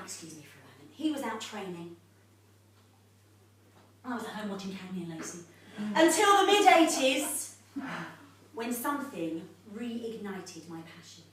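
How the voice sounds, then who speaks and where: A woman's voice: a little high, fairly bright tone, a little hiss or hum. Woman as a chatty, theatrical would-be actress. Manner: chatty, theatrical, laughs often. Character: starstruck would-be actress hosting her own evening. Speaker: solo comic performer. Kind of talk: live comic monologue. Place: home living room with audience. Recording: echoey room, mic far off.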